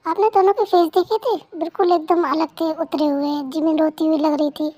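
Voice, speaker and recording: A woman's voice: extremely high pitch, steady tone, moderate pace, mellow. A woman voicing an observant older sister who confides her suspicions, in a Hindi fan dub. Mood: suspicious.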